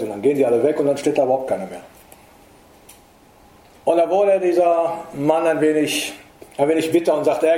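A middle-aged man preaching a sermon in earnest, emphatic tones, rising in pitch to stress his points. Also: dark tone. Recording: echoey room.

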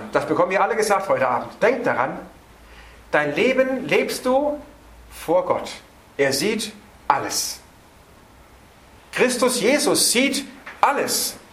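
A man preaching an evening sermon on a Bible passage. He stresses words by slowing down and hurries through his asides. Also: high voice, a bit bright, roomy sound.

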